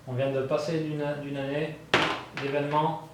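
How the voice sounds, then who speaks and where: A man narrating his solo board game playthrough, thinking aloud with many fillers and bursts of excitement at dice rolls. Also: a little high, moderate pace. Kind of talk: casual thinking-aloud gameplay commentary. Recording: very echoey room with faint background noise.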